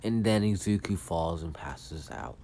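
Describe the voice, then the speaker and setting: Slow rambling man telling a story. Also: low-pitched, animated, vocal fry, dark tone, a little hiss or hum. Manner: rambling, many fillers and self-corrections. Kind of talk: casual retelling of a fan story.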